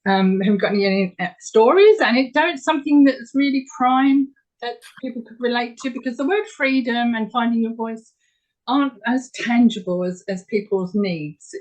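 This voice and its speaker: A woman's voice: on the high side, darkish tone, low-quality recording. A woman interviewer who asks searching questions hesitantly, often repeating words as she finds them. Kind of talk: conversational interview.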